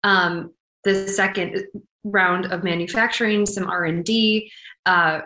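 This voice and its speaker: A woman's voice: medium pitch, steady tone, a little slow, bright, forceful tone. A woman with a mid-range voice speaks as a startup founder in a conversational interview. Her talk is candid and thick with tech-business jargon. The sound is noticeably roomy and echoing.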